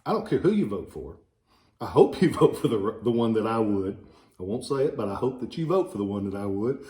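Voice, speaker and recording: Brisk and very animated, a man with a fairly low, dark voice and a slight Southern accent shows old ballots as a relic dealer. He rambles casually with folksy humor and asides. The informational video was recorded in an echoey room.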